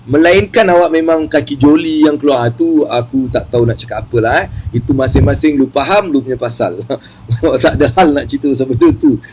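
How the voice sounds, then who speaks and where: A man giving a motivational seminar talk about wealth, chatty and lively, repeating phrases for emphasis. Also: medium pitch, fairly quick, a little hiss or hum, rough recording.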